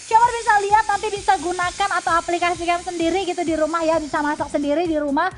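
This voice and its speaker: A woman with an Indonesian accent hosting home shopping, chatting persuasively to viewers in an infomercial sales pitch. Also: fairly even intonation, fast talker, soft background music.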